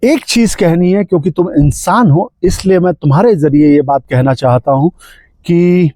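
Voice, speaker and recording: A man voicing a calm, wise talking house. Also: a little high, no room sound, lightly acted. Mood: earnest. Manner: gentle, earnest, deliberate.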